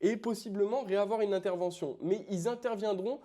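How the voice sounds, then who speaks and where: A man's voice: high voice, fairly quick, warm tone. A man casually explaining a trading strategy to the viewer. He talks informally and often fills his sentences with small filler phrases. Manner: informal, addresses viewer as "tu", many fillers like "du coup"; explains while pointing at charts. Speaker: forex trading educator.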